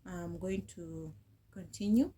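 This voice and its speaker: A woman giving a relaxed crochet tutorial, talking slowly with frequent hesitations as she counts rows. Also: fairly low pitch, slightly rough. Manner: slow, hesitant, with many fillers, counting rows aloud. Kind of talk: casual tutorial instruction.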